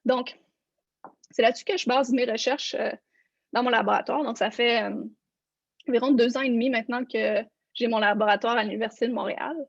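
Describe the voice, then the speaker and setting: A woman's voice: fairly high pitch, steady tone, fairly quick, gravelly, pauses often, no echo. A woman, a researcher giving an online lecture and walking listeners through her slides. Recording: dull, lo-fi online conference audio.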